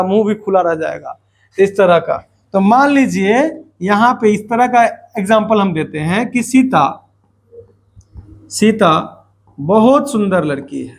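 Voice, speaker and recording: A man teaching a grammar lesson to students, repeating points and asking questions that he answers himself, with playful asides. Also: high-pitched.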